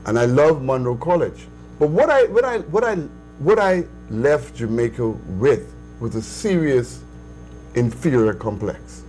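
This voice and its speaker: A man's voice: mid-range voice, sing-song, a little slow, darkish tone, faint music behind, rough recording. Emphatic older Bahamian man. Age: 60s. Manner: emphatic, insistent, with many restarts and sudden rises. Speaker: guest. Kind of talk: conversational interview.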